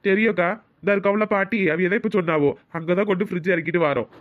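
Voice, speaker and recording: A polite young delivery man from a village cartoon, voiced by a woman, obliging in a Tirunelveli Tamil accent. He talks quickly in a somewhat low voice. The recording sounds dull and lo-fi. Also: natural voice. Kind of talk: cartoon comedy voice acting.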